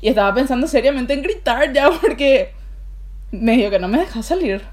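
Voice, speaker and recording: A woman's voice: high voice, lively intonation, brisk, a little mellow. A young woman with a Paraguayan Spanish accent, co-hosting a podcast and telling a story in a casual, rambling way full of fillers. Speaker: podcast co-host. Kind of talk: casual chat.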